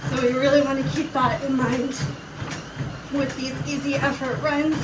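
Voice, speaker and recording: A woman's voice: high-pitched, flat delivery, normal speed. A woman coaching casually and encouragingly while running on a treadmill, talking to viewers as she goes. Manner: encouraging, reassuring. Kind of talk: casual workout talk to viewers. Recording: roomy, distant mic with loud machine noise.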